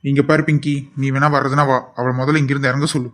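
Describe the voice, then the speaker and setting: A man's voice: mid-range voice, level tone, quick pace, fairly bright tone, lightly acted. A man voicing an angry, loyal young friend in a cartoon drama, scolding bluntly and grieving for an injured pal.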